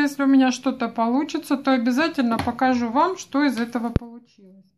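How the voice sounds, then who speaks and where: High-voiced woman doing an unboxing review. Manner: friendly, chatty, addressing viewers directly. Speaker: vlogger reviewing online purchases. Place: indoors at a wooden table.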